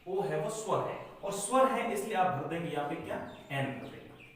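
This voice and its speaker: A man's voice: on the high side, animated, moderate pace, fairly bright tone, slight background noise. A male school teacher with a Rajasthani Hindi accent explains grammar at a board, asking questions and answering them himself, recorded from far off in an echoey classroom.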